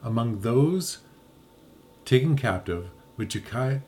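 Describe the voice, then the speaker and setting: A man's voice: medium pitch, lively intonation, takes it slowly, a little mellow, slight background noise. A man casually reading Bible verses aloud and chatting, laughing often and tripping over hard names. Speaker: podcast co-host reading scripture.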